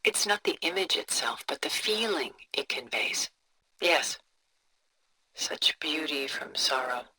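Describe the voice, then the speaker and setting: An actress playing a cultured, composed older woman who collects art, with a refined, measured, contemplative delivery for a video game. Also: low-pitched, expressive, whispered, exaggerated voice, rough recording. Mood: reflective, admiring. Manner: refined, measured, contemplative, soft breathy phrase endings. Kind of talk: video game character dialogue, museum-guide storytelling.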